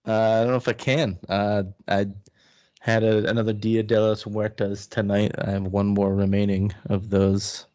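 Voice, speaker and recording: Hesitant, lowish-voiced male podcast co-host. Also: level tone, moderate pace, dark tone, lo-fi sound. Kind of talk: casual chat.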